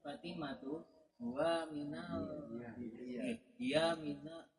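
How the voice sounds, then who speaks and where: A man's voice: on the high side, steady tone, takes it slowly, a crowd in the background, low-quality recording. A male student answering a question hesitantly, stumbling and correcting himself as he goes.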